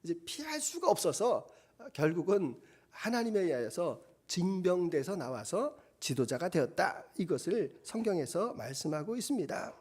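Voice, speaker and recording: A man's voice: sits high, moderate pace, breathy edge. A middle-aged male pastor preaching a sermon, telling a Bible story vividly and acting out its quotes. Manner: animated storytelling with acted quotes.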